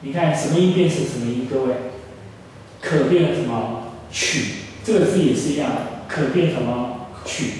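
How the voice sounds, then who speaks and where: A man's voice: medium pitch, normal speed, darkish tone, a little hiss or hum. A Taiwanese man in his forties teaching an English class, explaining and quizzing students with many questions. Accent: Taiwanese Mandarin. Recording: echoey hall recording from far off.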